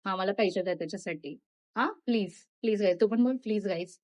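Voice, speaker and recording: A woman's voice: medium pitch, quick pace, a little mellow. Coaxing, bossy woman vlogger. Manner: coaxing and bossy, switching from pleading to scolding. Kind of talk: playful mock-serious appeal to camera, directing a child.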